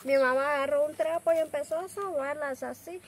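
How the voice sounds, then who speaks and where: A woman's voice: high-pitched, brisk, low-quality recording. A woman with a Guatemalan accent being interviewed, telling her story earnestly and at length, often quoting what others said to her. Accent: Guatemalan Spanish. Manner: earnest, rambling storytelling with quoted dialogue. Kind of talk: casual interview. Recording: outdoor recording with loud ambient noise.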